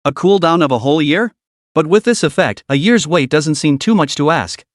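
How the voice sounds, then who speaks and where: A man's voice: on the high side, lively intonation, moderate pace, no room sound, clean studio sound, natural voice. A man voicing a wry, scheming young male beast tamer who mutters his thoughts aloud in a storybook recap.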